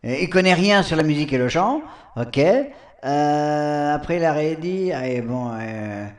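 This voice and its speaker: A man's voice: a little high, sing-song, a little slow, reverberant, distant mic. A man hosting a live voice chat room, chatting casually and laughing at himself between karaoke songs, with lots of fillers. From France. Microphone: home computer mic.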